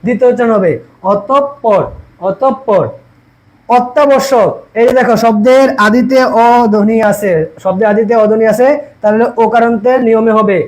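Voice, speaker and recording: High-pitched teacher drilling words. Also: male voice, steady tone, darkish tone, rough recording. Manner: explains step by step, asks questions and answers them himself; repeats words slowly to drill pronunciation. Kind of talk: exam-prep lesson.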